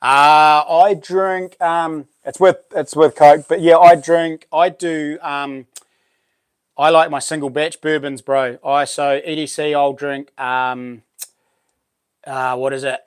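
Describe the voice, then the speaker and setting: A man's voice: fairly high pitch, little pitch movement, takes it slowly, clear, resonant tone, no room sound. A man with a broad New Zealand Kiwi accent hosting a casual live stream, chatting to viewers in laid-back, matey slang.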